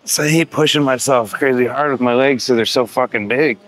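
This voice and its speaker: Music fills a large indoor gym as a gym-bro vlogger talks casually to camera, casually profane. His mid-range voice is brisk and a bit bright, full of grumbling, self-deprecating complaints while he works out.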